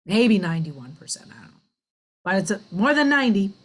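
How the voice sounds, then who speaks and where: A woman teaching cantillation in a class, explaining slowly and chanting the syllables in a drawn-out sung voice. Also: mid-range voice, sing-song, poor audio. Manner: wry and self-deprecating with small laughs. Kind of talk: online class teaching Torah trope.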